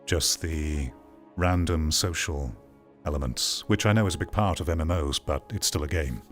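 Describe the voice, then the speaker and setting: An extremely low-pitched male voice at normal speed carries the off-the-cuff, critical commentary of a VR gaming show's streamer host. He's opinionated and repeats phrases for emphasis, and faint music plays behind him.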